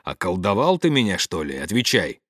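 A man reading the part of a hard, cynical mercenary, curt and gruff, in an audiobook. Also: low voice, big pitch swings, brisk, a bit bright, no room sound, clean studio sound, full character voice.

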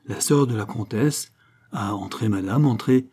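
Guy doing a calm smooth gentleman, dark husky voice. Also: lowish voice, a little slow. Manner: calm, affable, self-assured. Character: smooth, cool-headed young gentleman. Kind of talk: audiobook character voice.

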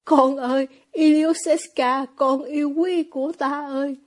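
A woman's voice: high-pitched, fairly even intonation, measured pace. Woman reading as a grief-crazed old father. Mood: anguished. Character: grief-crazed poor older father, frantic.

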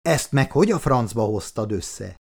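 A man reading an audiobook, voicing a blunt, excitable male buddy who talks in slang. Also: medium pitch, vocal fry. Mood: excited.

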